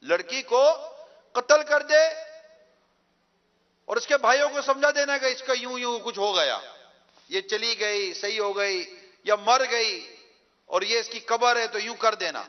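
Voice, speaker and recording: A preacher voicing a scheming tempter devil. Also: male voice, high-pitched, steady tone, in a large hall, muffled recording, close to an everyday voice. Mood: coaxing. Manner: coaxing, urging.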